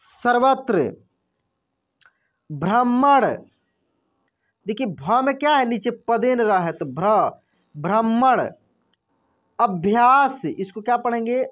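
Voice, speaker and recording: A male teacher works through a reading lesson at a patient, unhurried pace. He sounds out each word slowly, repeats it, and stops often to ask what was just written. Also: very high voice. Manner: spells out words slowly, repeats them, quizzes the listener. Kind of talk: classroom-style reading lesson.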